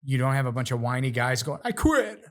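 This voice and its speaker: A lively male guest who tells his stories with plenty of energy. He often slips into little acted-out voices for the people he quotes. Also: medium pitch, fast. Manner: animated storyteller, acts out quotes in other voices. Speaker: guest, realtor and rapper. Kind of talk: casual interview chat.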